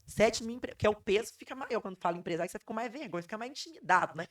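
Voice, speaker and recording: Podcast guest: hoarse woman, emphatic and repetitive storyteller, set a little back from the mic. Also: mid-range voice, expressive, very fast, recorded from a distance. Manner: emphatic, repeats phrases for effect. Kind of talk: emotional personal storytelling.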